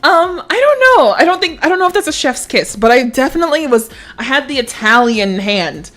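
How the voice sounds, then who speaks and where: A woman's voice: high voice, big pitch swings, a little fast, fairly bright tone, faint music behind. A woman streamer chatting casually on a livestream, swearing freely and often breaking into laughter. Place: standing at a home streaming setup.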